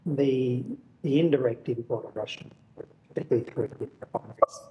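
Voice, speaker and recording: A man's voice: medium pitch, fairly quick, highs cut off. An Australian man, a senator, pressing witnesses with insistent repeated questions over a remote audio link that keeps breaking up. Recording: distant, patchy remote call audio.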